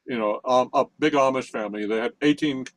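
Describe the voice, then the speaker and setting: An older man from central Pennsylvania tells a long, rambling story in casual conversation over a video call, restarting often and chuckling along the way. His mid-range voice runs a little fast, with no room sound. He is a participant in a technical session.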